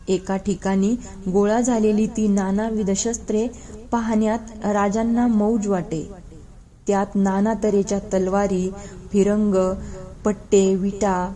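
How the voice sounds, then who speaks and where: Slow, mellow woman reading a novel. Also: mid-range voice. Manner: measured, storytelling. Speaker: reader. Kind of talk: reading a historical novel aloud.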